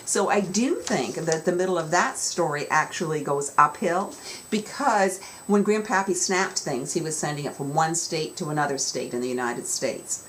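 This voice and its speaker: Low-pitched yet a bit bright, a woman's voice explains lessons to young students with storytelling emphasis. She is a children's author giving an instructional talk, recorded with clear background noise.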